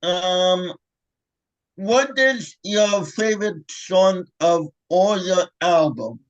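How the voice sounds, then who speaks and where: A high-voiced man asks his questions very slowly, pausing with ums between his words. He sounds hesitant and halting as he interviews his guest. His voice comes through dull and lo-fi. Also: animated.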